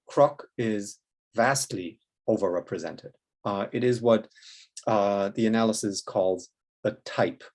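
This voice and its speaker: A male lecturer explains his findings patiently and point by point. He fills pauses with "uh" and often checks in with a rising "yeah?". His voice sits at an ordinary pitch for a man. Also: a little mellow. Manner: methodical, frequent tag "yeah?" and "uh" fillers. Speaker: linguistics lecturer. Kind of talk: recorded academic lecture. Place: indoors, room near a window with rain outside.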